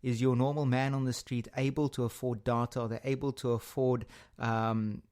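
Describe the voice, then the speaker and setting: A man's voice: mid-range voice, flat delivery, normal speed, darkish tone. A South African man hosting a podcast interview, speaking in a formal, wordy, carefully phrased way. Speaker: podcast host.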